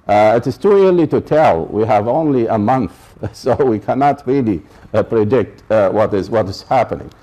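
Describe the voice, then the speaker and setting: A man's voice: lowish voice, animated, normal speed, hardly any pauses, mellow. A man from Iraq gives a college lecture, stressing and repeating his key points and checking that the audience follows. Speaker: professor giving a public talk.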